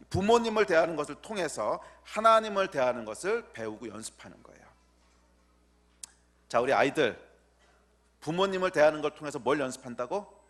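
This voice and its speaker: A male pastor preaching a sermon, teasing and quizzing the children in the pews and slowly repeating key words for emphasis. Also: on the high side, fairly bright tone.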